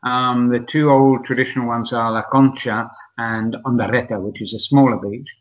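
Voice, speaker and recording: A man's voice: mid-range voice, steady tone, normal speed. A man in his sixties from Essex with a southern English accent, chatting reflectively and hesitantly as an interview guest. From Essex, England. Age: 60s. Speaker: podcast guest. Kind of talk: conversational interview, personal anecdotes. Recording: dull, lo-fi audio.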